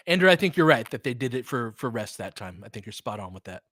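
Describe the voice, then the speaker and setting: Sing-song and a little fast, a middle-aged man's medium-pitched voice has a fairly bright tone as he hosts casual online basketball play-by-play. He's opinionated and chatty, talking to listeners and reacting aloud to the action. It's studio quality with no room sound.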